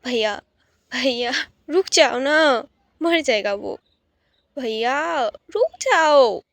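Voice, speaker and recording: A woman's voice: high voice, lively intonation, drawn-out words, fairly bright tone, no room sound, full character voice. A woman voicing a young girl who pleads and stammers frantically with her older brother in a told story. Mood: pleading.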